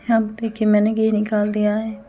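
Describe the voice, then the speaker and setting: A woman's voice: mid-range voice, monotone, moderate pace, mellow, faint music behind. A woman narrating a casual family vlog at home, chatting to viewers as friends while feeling unwell. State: unwell, tired. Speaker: family vlogger.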